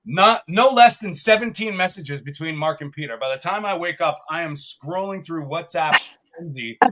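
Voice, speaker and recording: A man's voice: a little high, moderate pace, pushed and bright. A man from Canada co-hosting a live podcast, chatty and upbeat, often laughing as he rambles. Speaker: podcast co-host.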